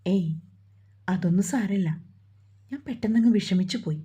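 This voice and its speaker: A woman voicing a gentle, orphaned young woman who speaks softly and sorrowfully in a romantic storybook. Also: mid-range voice, normal speed, slightly rough. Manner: soft, sorrowful.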